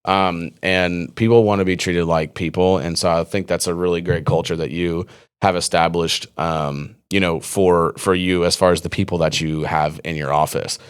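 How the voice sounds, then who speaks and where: Man, podcast host, very low voice, smooth resonant tone, rambling casual chat. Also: steady tone, moderate pace. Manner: rambling, full of fillers and restarts.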